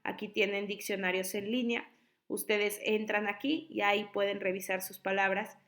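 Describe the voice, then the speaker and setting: A woman, an online high school tutor patiently explaining spelling to her students. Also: flat delivery, moderate pace, fairly bright tone.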